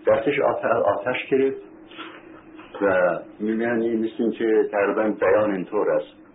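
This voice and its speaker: A man preaching a sermon as a story, repeating phrases for emphasis, asking his listeners rhetorical questions and reciting Arabic scripture. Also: on the low side. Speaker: religious preacher. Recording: tinny phone-like recording with faint hiss.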